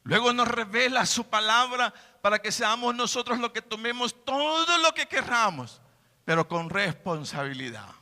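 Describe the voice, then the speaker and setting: A man's voice: very high-pitched, normal speed, hardly any pauses, bright, forceful tone, long reverb tail. A man preaching a sermon in a church, emphatic, repeating his phrases. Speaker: pastor.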